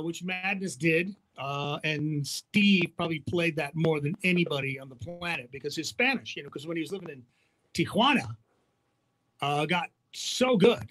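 A man's voice: a little high, fairly bright tone, rough recording. A man hosting a radio show, talking casually and in a rambling way, with jokes and many restarts. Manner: rambling, full of fillers and restarts, joking. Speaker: radio host. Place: radio studio.

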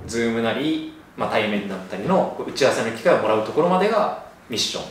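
Male interviewer, probing and filler-heavy, animated quick delivery, roomy distant sound. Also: medium pitch, a little hiss or hum. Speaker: interviewer, former HR staffer. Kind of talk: interview questioning. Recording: echoey room, distant mic.

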